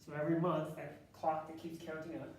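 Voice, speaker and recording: A math instructor with a loud, slightly high voice lectures in a relaxed, chatty way. He thinks out loud, fixes himself mid-sentence, and fills gaps with ums. The recording catches him from afar in a very echoey classroom with faint room noise.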